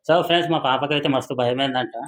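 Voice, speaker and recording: A man's voice: medium pitch, a little fast, poor audio. A man, teasing his family and talking to viewers in a casual vlog. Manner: teasing, addresses viewers as friends. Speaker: vlogger, husband pulling a prank.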